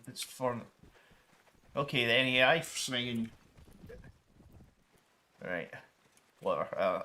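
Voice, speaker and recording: A man's voice: mid-range voice, sharp tone. A man casually talking through his strategy game session, rambling with frequent ums and restarts. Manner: rambling, many ums and restarts, mild swearing substitutes. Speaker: gaming streamer. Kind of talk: casual gameplay commentary.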